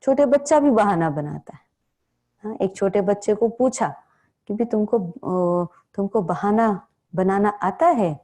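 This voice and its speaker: A woman's voice: medium pitch, animated, unhurried, dark tone. A woman teaching a spiritual class, telling stories and asking her listeners questions, with frequent "na" and "hmm" tags. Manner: storytelling, asks the listeners questions; many filler "na" and "hmm" tags. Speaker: Brahma Kumaris spiritual teacher.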